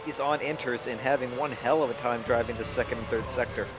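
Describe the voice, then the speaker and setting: The voice is a young man's, medium in pitch, steady and quick, giving laid-back commentary on a racing game. He jokes around, swears every so often, and the game's engines roar in the background.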